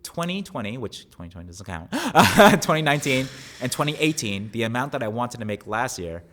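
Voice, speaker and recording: A man's voice: mid-range voice, lively intonation, fast, fairly bright tone, a little hiss or hum. A man who works as an actor, talking as a podcast guest in an earnest, reflective way. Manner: earnest and reflective, sharing goals. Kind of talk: casual conversational interview.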